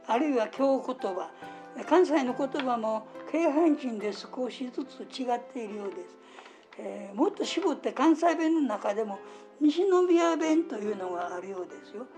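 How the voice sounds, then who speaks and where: A woman with a Kansai accent hosting a radio talk, explaining in a gentle, unhurried way with soft fillers. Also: a little high. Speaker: radio host.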